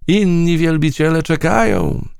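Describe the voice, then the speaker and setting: A man voicing a vain female butterfly princess who drawls slowly and pompously. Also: a little high, big pitch swings, gravelly, a little mellow, clear, resonant tone, dry recording, studio quality, voice pushed up, heavily acted. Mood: haughty. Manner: slow, drawn-out and pompous.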